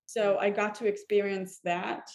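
A woman's voice: medium pitch, flat delivery, unhurried, a little mellow. A woman in her thirties, from Israel, talking as a violinist guest in an interview, thoughtful with many fillers and restarts. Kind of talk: casual interview talk.

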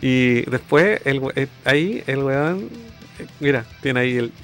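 A man's voice: mid-range voice, animated, measured pace, fairly bright tone. A Chilean man co-hosts a stream in a loose, slangy chat. He keeps restarting sentences as he gropes for words. Faint guitar music plays underneath. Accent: Chilean Spanish. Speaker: streamer co-host. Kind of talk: casual chat.

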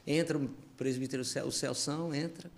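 Brazilian pastor telling an animated testimony. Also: male voice, medium pitch, fairly quick, creaky, a little hiss or hum. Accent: Brazilian Portuguese. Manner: animated, emotional storytelling with reenacted dialogue. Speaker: pastor, podcast guest. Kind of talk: personal testimony storytelling.

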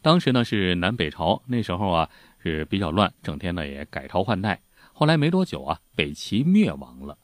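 A man with a very deep voice tells old history in a chatty, folksy way. His pitch swings widely as he talks, and he fills his speech with casual spoken particles. The recording is dry and close to the mic. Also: very animated, normal speed, dry recording. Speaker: history storyteller.

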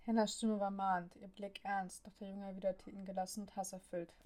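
A woman narrating a story as an audiobook reader, reading with an even, steady delivery. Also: medium pitch, fairly quick.

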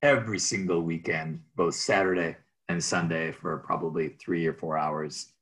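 A man who works as a real estate agent, telling rambling, animated stories about his career in an interview. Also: sits low, normal speed. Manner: rambling, restarts, animated anecdotes. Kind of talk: storytelling in an interview.

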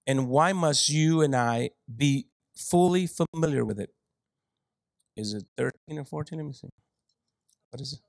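Brief: male preacher, lively sermon, playful humor, close dry mic. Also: vocal fry, no echo, rough recording. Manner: animated, joking asides, laughs often, big swings in pitch and loudness.

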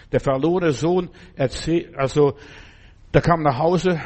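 A male preacher with a slightly high voice delivers a sermon. He speaks directly to his listeners, often checking that they follow, and acts out desperate calls for help with a lifted voice. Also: a little mellow. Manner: addresses listeners directly with frequent "ja?" and "verstehst du?"; acts out cries for help in a raised voice.

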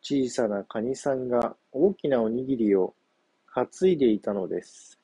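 Male storybook narrator, gentle and unhurried, warm husky voice. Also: mid-range voice, dry recording.

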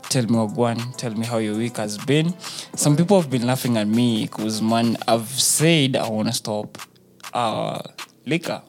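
A man's voice: medium pitch, unhurried. A man with a Kenyan accent hosting a radio show in casual, slangy chat, playfully repeating phrases for emphasis. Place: radio studio. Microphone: studio microphone. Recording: music playing behind the voice. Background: music.

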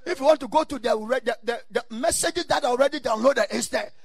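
A man's voice: very high-pitched, fast, vocal fry, breathy edge, no echo, soft background music. A man with a Ghanaian accent preaching a sermon in exhorting, repeated short phrases, mixing English with Ghanaian Pidgin and Twi.

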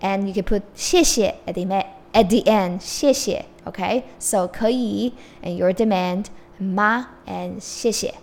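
With a medium-pitched, gravelly, slightly mellow voice, a woman teaches Chinese phrases in a relaxed language lesson. Mandarin Chinese is her first language; as a Chinese teacher and podcast host, she switches between English explanations and Chinese phrases modeled slowly.

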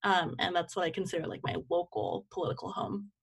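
A young woman, a community organizer and campaign manager, speaks as an interview guest in a casual, reflective way, often dropping "like" into her sentences. Her voice is fairly low, expressive, fairly quick and husky.

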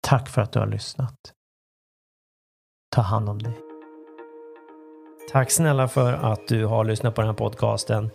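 A man who works as a life coach, hosting his own self-help podcast in a calm, reflective way and speaking straight to the listener. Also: on the low side, creaky, pauses often, faint music behind.

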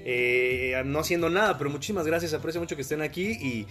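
Mexican podcast host, chill and jokey, thanking chat, bit high voice, faint music. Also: male voice, fast. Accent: Mexican Spanish. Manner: relaxed, joking, thanks chat viewers. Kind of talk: casual livestream podcast chat.

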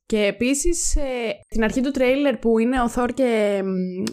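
A woman's voice: a little high, darkish tone. A woman chatting casually about superhero films, trailing off with fillers and asides.

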